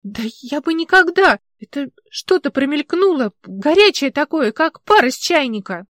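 Timid, flustered young woman, high and rushed, read by a woman. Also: no room sound, studio quality, natural voice.

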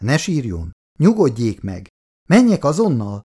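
A man voicing Laci, a soft-spoken young man. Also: medium pitch, wildly swooping pitch, breathy edge. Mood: soothing. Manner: soft, soothing. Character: gentle, helpful young man.

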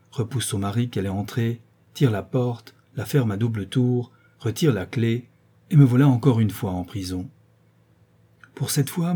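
A man narrating a classic novel as an audiobook, expressive and measured. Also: mid-range voice, breathy edge.

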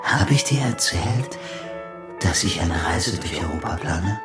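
In a radio play, an actor portrays a lonely, deluded man chatting to an imagined sweetheart, dreamy and talkative, with murmured questioning tags and swings from tender to curt. His voice sits low with lively intonation, unhurried, over music.

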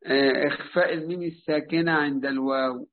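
A man with an Egyptian Arabic accent teaching Quran recitation rules online, patiently quizzing students and modelling slow recitation. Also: a little high, fairly even intonation, slight background noise. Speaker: tajweed teacher. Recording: tinny phone-like voice call.

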